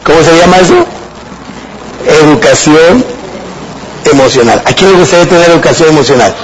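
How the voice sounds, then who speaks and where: A man's voice: a little high, very fast. A man with a Mexican accent giving a motivational seminar talk to a live audience, conversational and quizzing the crowd with questions. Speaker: motivational speaker. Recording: noisy live seminar recording.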